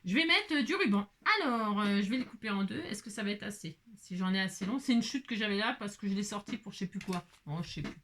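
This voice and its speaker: Hosting a casual crafting tutorial, a woman talks quickly and animatedly with hardly any pauses, her medium-pitched voice fairly bright. She chats freely as she works, half to herself, sprinkling in many little filler tags.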